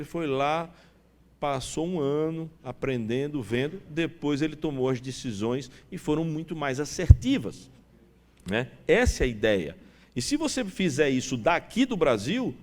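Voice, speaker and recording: A man giving a talk to an audience, animated and chatty, addressing his listeners over and over. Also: a little high, normal speed. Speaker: business speaker.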